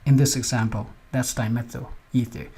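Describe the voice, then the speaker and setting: Husky-voiced man giving a chemistry lecture. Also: medium pitch, level tone, normal speed, mellow. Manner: explains step by step, often asks "right?". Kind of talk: recorded lecture over slides.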